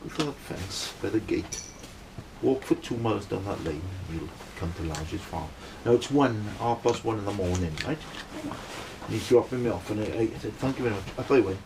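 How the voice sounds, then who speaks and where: Gravelly and fairly low in pitch, this middle-aged Welsh band member speaks at a normal speed over a noisy background. He meanders through a lengthy personal tale, casually checking in with "right?" as he goes.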